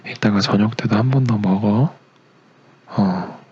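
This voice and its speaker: A young man acting as a gentle, doting boyfriend in a romantic ASMR role-play, a tender leading man with a soothing, murmured, partly whispered delivery. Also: on the low side, measured pace, lo-fi sound, natural voice. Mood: soft, content. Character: doting, gentle young boyfriend caring for his sick girlfriend.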